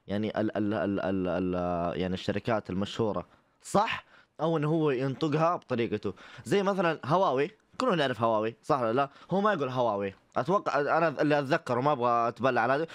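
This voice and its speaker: Saudi male host, quick-talking and dry, reacts to clips with mock disbelief and deadpan jokes. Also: medium pitch, no echo. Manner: wry, incredulous asides with mock disbelief. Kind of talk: casual comedic commentary.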